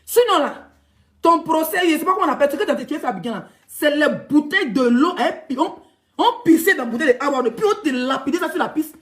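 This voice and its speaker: A woman's voice: high-pitched, lively intonation, fast talker. A woman blogger with an Ivorian French accent, ranting in a heated, mocking vlog monologue. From Ivory Coast. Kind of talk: ranting social media vlog.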